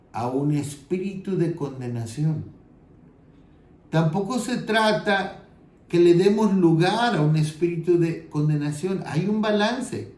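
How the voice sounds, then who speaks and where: A man with a Mexican Spanish accent preaching an earnest sermon as pastor, reading scripture aloud and slowing down for emphasis. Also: on the high side, warm tone, roomy sound.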